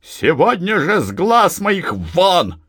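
Male reader putting on an older peasant mother, high-pitched, lively scolding, dry close sound. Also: slow, no room sound, full character voice. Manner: scolding, shouting reproaches. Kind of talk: audiobook reading.

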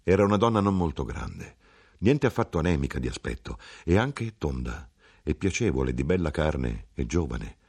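A man giving an expressive, theatrical reading of a literary audiobook. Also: rumbling low, normal speed, creaky, slightly rough. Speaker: audiobook reader.

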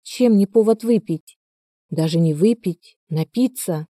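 A woman narrates an audiobook in a steady, measured storytelling style. Her voice sits at a medium pitch. The recording is clean studio sound with no room echo.

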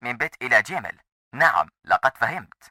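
A man's voice: medium pitch, sing-song, quick pace, bright, forceful tone, dry recording, studio quality, exaggerated voice. A man doing a coolly mocking secret agent hero. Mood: sarcastic calm. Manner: cool and sarcastic.

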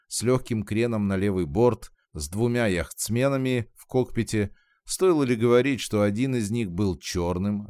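A man reading a story aloud in scripted, expressive narration. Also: sits low, dry recording, clean studio sound. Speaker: audiobook narrator.

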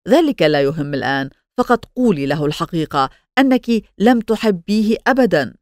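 A woman's voice: fairly low pitch, very animated, brisk, darkish tone, dry recording, studio quality. Storybook romantic: devoted man, earnest and pleading, voiced by woman narrator.

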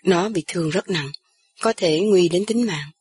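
A hot-tempered young man in an audiobook, as a woman reader puts him on. He speaks curtly in a low, husky voice. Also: a little slow, darkish tone. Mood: irritated. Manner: curt, irritated.

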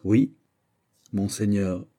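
Un homme qui lit et joue un noble comte fier, répondant sèchement et avec calme. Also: male voice, fairly low pitch, extremely slow. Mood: froid. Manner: sec, impassible, réponses mesurées. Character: noble comte mousquetaire, fier, froid, digne.

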